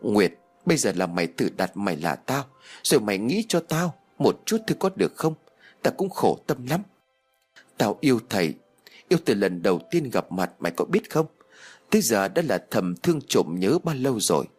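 A man voicing a proud young woman pleading with her friend in an audio story, with a husky tone. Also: fairly low pitch, big pitch swings, moderate pace, faint music behind. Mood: tearful pleading.

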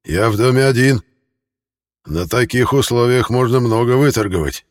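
A man voicing a hoarse, sly, reclusive rancher who mocks and threatens his visitors. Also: mid-range voice, normal speed, in a large hall, pitched above the performer's own voice, lightly acted. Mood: sly, threatening. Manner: mocking, drawling, menacing.

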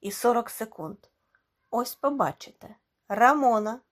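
A woman's voice: a little high, lively intonation, a little slow. A woman voicing a cocky, self-assured young man in a fine suit.

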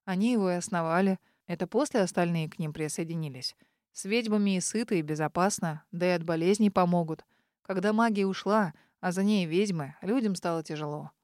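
A woman reading an audiobook, voicing a calm, caring young man who speaks gently. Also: lowish voice, fairly quick, dry recording, studio quality, voice pushed down, lightly acted. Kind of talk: audiobook character voice.

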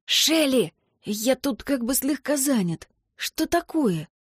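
A woman voicing a young man who is a caring best friend, speaking softly and reassuringly. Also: high voice, very animated, slow pace, breathy edge, no echo, clean studio sound, voice pushed up, heavily acted. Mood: concerned. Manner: hushed, then soft and reassuring.

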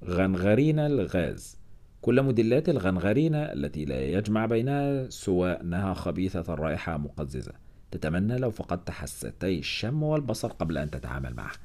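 A man with a very deep voice reads a first-person novel aloud. He keeps a quick pace and lets his pitch rise and fall a great deal as he tells the story. His delivery is expressive, with wry asides. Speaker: audiobook narrator.

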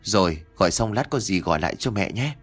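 A skeptical young husband in a spoken story, calm and reassuring, his voice dropping low and quiet, as the narrator puts him on. Soft music sits faintly behind. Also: fast, slightly rough.

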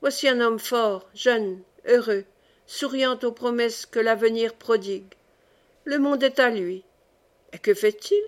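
A woman's voice: a little high, unhurried, close to an everyday voice. A woman reading the part of an old exiled nobleman, a doting father who speaks with fervent emotion. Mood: tender, brooding.

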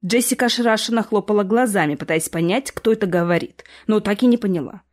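A woman narrating a fantasy audiobook with expressive, lively storytelling. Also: medium pitch, fast.

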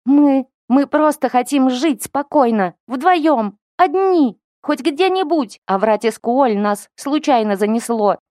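A woman's voice: expressive, slow pace, few pauses, mellow, dry recording, studio quality. Woman voicing a sobbing frightened girl. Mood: sobbing plea. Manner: high pleading outbursts. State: sobbing, voice breaking. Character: frightened crying teenage girl.

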